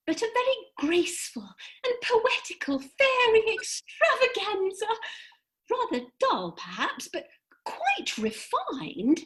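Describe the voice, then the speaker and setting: In full character voice, a woman portrays a lofty fairy for a comic radio play, her high, somewhat bright tone rising and falling dramatically. Though she lectures in brisk, exact, theatrical phrasing, her mood is airy and reassuring.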